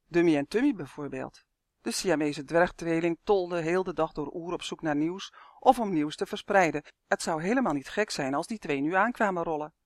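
Audiobook narrator with a mid-pitched, very animated read of a kids' fantasy story. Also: no room sound, clean studio sound. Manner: expressive storytelling.

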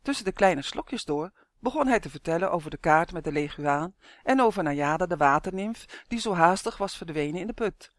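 A woman reading a children's fantasy story aloud in a calm, even-paced narration. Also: fairly low pitch, brisk, no echo, clean studio sound. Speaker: audiobook reader.

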